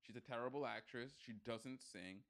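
A man co-hosting a podcast in casual chat, blunt, profane and animated, joking as he goes. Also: medium pitch, moderate pace, gravelly. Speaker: podcast co-host.

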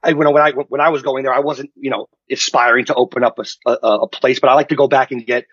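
A man with a Queens New York accent chats casually, halting and repeating himself with street-wise banter. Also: mid-range voice, little pitch movement, fairly bright tone, husky, no echo, muffled recording. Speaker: guest. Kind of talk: casual chat.

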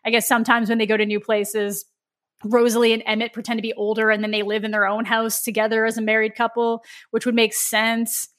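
A woman's voice: a little high, monotone, brisk, a bit bright. A woman co-hosting a podcast, chatting casually about a movie, laughing often and swearing while she mocks it. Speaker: podcast co-host. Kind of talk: casual movie review chat.

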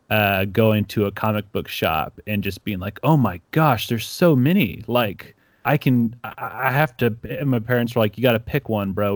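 With a lowish voice and no echo, a young Ecuadorian man who makes comics chats as a guest in a casual interview. He is an animated storyteller, acting out quotes and leaning heavily on "like".

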